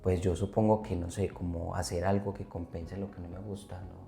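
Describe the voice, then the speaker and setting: A man's voice: deep voice, level tone, moderate pace, creaky, warm tone, reverberant, soft background music. A man hosting a podcast interview, thinking aloud hesitantly with restarts as he paraphrases. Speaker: podcast host. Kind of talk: conversational interview questions.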